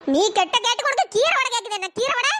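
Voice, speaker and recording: A shrill scolding old mother-in-law. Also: lively intonation, fast talker, pushed and bright, no room sound, exaggerated voice. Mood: furious scolding. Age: older. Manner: shrieking, cursing, scolding. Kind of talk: cartoon voice acting.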